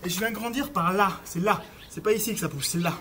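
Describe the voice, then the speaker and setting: Speaking quickly in a high-pitched voice, a man coaches a cardio session while working out himself. His instructions are full of fillers and hesitations; he counts out the beats, demands more speed and sounds slightly winded. The recording is noisy with clicks.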